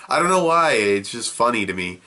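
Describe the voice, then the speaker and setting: A young reviewer with a cold sniffles through a casual video review of a show, rambling offhandedly with lots of fillers and restarts. He speaks at medium pitch and a moderate pace, sing-song, bright and forceful.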